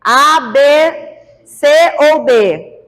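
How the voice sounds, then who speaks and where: Playful high-voiced woman teacher. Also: lively intonation, very slow, a bit bright, big-room sound. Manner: playful, coaxing the class. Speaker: biology teacher. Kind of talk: classroom quiz review. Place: large classroom.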